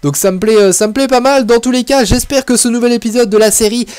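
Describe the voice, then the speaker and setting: A man hosting a gaming video, giving casual, excitable commentary as he plays a football game and talks his thoughts aloud. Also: very high-pitched, fast talker, smooth, no echo. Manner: chatty, excitable, thinking aloud.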